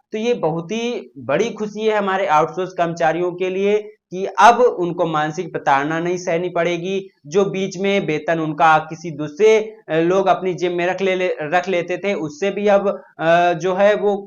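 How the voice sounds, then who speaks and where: A man's voice: sits high, lo-fi sound. A man hosting a news channel, explaining news informally with hesitant fillers and restarts.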